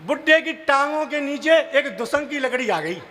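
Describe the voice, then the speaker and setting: A man performing comic poetry on stage, telling stories with acted quotes and slow, chanted verse lines. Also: extremely high pitch, animated, bright, forceful tone, soft background music. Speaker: comic poet. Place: live stage event.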